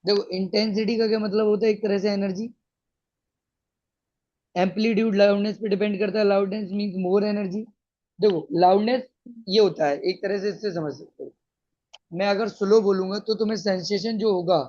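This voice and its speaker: Guy teacher explaining science, keeps asking if students get it, high voice, dull tinny recording. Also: darkish tone. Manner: patient, keeps checking if students follow. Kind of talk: explaining a class lesson. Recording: dull lo-fi sound.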